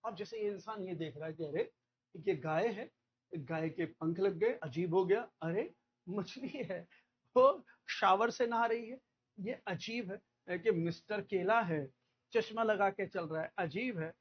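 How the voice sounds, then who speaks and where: A man from India teaching a vocabulary lecture, repeating key words and checking understanding with quick questions. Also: sits high, breathy edge, dull audio.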